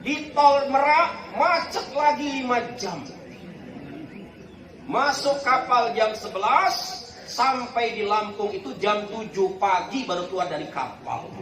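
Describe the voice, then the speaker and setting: A man's voice: very high voice, slow pace, a bit bright. A man giving a humorous sermon at a community gathering, who keeps asking the crowd for agreement. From Palembang, Indonesia. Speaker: preacher. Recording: echoey hall, distant mic, crowd.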